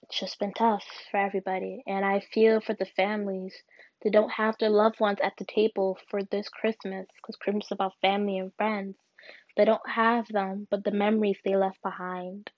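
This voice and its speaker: Young woman, solo podcast host, earnest and halting delivery, dull lo-fi sound. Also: medium pitch, flat delivery, dry recording. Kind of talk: solo personal podcast reflection. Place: alone at home. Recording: dull, dry lo-fi recording.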